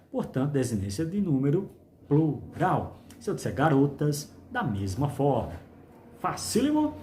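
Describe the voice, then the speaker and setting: Lively teacher, man. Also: on the high side, slight background noise. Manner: upbeat, coaxing, quizzes with rhetorical questions. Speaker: Portuguese teacher. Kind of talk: online grammar lesson.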